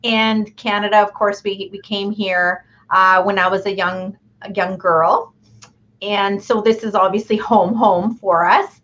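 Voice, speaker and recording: A woman in her fifties, born in Chile, chatting as a guest on a video call in a friendly, thoughtful way with pauses. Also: medium pitch, steady tone, fairly bright tone. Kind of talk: casual video call chat. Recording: dull lo-fi call audio.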